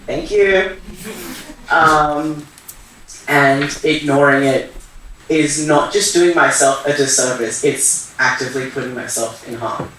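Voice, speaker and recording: Taking it slowly, a young Iranian man with a high-leaning, sharp voice hesitantly shares personal thoughts at a community talk, leaning on fillers as he searches for words. He's recorded from far off in an echoey theatre hall, with a little hiss or hum.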